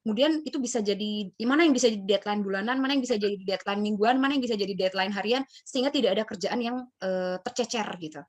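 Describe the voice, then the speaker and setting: A woman hosting a casual career talk, chatting and acting out example interview answers. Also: medium pitch. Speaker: host. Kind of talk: casual advice chat.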